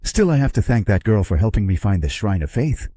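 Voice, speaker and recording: A man voicing a cold, calculating young male warrior hero who speaks in a cool, matter-of-fact way, with a slightly husky tone. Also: lowish voice, sing-song, brisk, dark tone, no echo.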